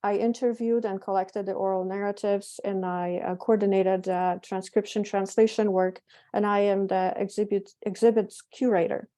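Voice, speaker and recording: A middle-aged woman from Poland with a Polish accent, giving a public lecture in a halting way with frequent self-corrections. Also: medium pitch, level tone, mellow. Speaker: presenter, physician and project curator.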